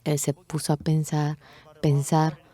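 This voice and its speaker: Slow, expressive sermon interpreter. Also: mid-range voice. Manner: expressive storytelling, acts out quotes and rooster calls.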